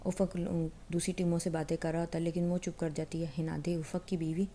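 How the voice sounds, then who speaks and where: Mellow low-voiced woman storyteller. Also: little pitch movement, a little hiss or hum. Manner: conversational, with small restarts and plain voiced quotes. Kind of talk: casual retelling of a novel.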